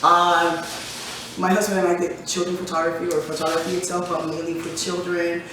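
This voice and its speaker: A woman's voice: lowish voice, little pitch movement, a little fast, fairly bright tone, slight background noise. A woman in her forties co-hosting a podcast in casual chat, joking and laughing often. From United States. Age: 40s. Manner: chatty, laughs often, jokes. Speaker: podcast co-host. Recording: echoey room from far off.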